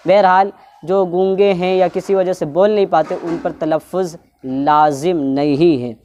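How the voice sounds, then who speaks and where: This religious teacher has a warm voice on the low side, with fairly even intonation. She gives a lengthy instructional talk, repeating points and drawing words out to show proper pronunciation, over slight background noise.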